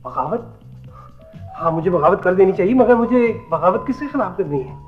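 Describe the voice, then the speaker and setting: A man's voice: high-pitched, animated, moderate pace. An actor playing a lovesick young man who speaks in flowery, theatrical speeches, in an old TV drama. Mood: troubled. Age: young adult. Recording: lo-fi old TV audio, faint music.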